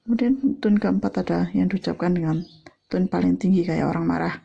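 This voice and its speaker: A woman teaches a language class at an unhurried, careful pace, stretching out each example sound. Her voice sits low, with a husky, gravelly grain. The recording sounds dull and lo-fi. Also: mellow. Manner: slow, deliberate, drawn-out demonstrations. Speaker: Mandarin teacher. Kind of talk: classroom lesson explanation.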